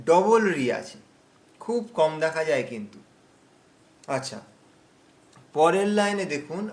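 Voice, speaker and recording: Patient man teaching recitation on a call. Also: a little high. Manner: patient, explains slowly, drawn-out recitation. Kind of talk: online class instruction. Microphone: video call.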